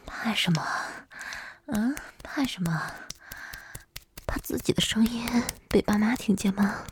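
A woman's voice: mid-range voice, takes it slowly, a little hiss or hum. A woman performing a whispered ASMR roleplay in a teasing, domineering manner.

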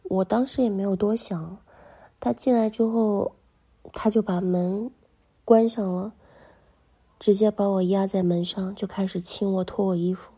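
A young adult woman telling a first-person story in a soft, intimate manner that often drops to a whisper. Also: mid-range voice, fairly even intonation, unhurried, slightly rough.

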